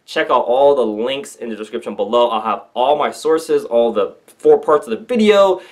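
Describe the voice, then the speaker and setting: Animated young man vlogging commentary. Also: mid-range voice, moderate pace. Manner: animated, exclaims and stumbles over words. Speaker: vlogger reading and commenting on a letter. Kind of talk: casual commentary vlog.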